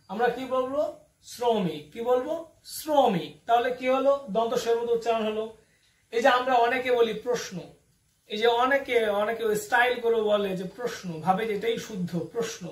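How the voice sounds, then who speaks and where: A man from Bangladesh teaches a grammar lesson in a very high voice. He keeps putting questions to his students and then answers them himself. He sounds far from the mic, in an echoey room. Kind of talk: classroom lesson.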